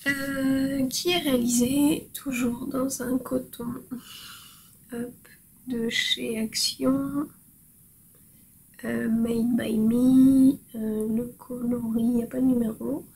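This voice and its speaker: Slow, hesitant French-speaking woman host. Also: fairly high pitch, little pitch movement, vocal fry, darkish tone, slightly rough, rough recording. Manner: hesitant, with frequent fillers; cheerful and self-mocking. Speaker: host of a crafting podcast. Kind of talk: casual show-and-tell chat.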